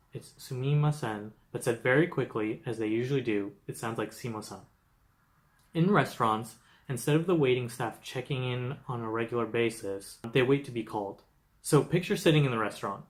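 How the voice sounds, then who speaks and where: A young man from Canada narrating a scripted travel vlog, explaining things steadily with light humor. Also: medium pitch. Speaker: travel vlogger.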